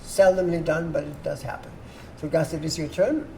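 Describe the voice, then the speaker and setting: With vocal fry, a warm tone, and a steady, moderately paced mid-range voice, a host patiently explains board game rules to players at a table. They instruct carefully and check understanding amid the background ambience of a noisy room.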